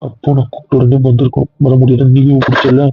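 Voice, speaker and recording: A man's voice: medium pitch, completely flat delivery, gravelly, husky, no room sound, soft background music. A man playing a possessive, jealous young husband in an amateur audio drama, pleading one moment and stubborn the next. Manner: pleading then stubborn, quick-talking. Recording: dry, tinny phone-like lo-fi audio.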